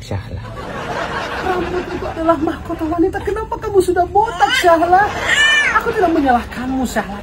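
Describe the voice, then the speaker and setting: A man talks to his baby daughter in a high, lively voice, half laughing as he scolds in jest. Heavy background noise and the chatter of a crowd press in around him. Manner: laughs while talking, theatrical mock scolding. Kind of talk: joking monologue to a baby.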